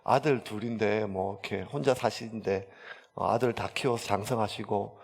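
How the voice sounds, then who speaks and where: A man's voice: on the low side, steady tone, moderate pace, gravelly, husky. A male pastor, chattily telling a story in a sermon, full of fillers. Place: church sanctuary. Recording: long church hall reverb.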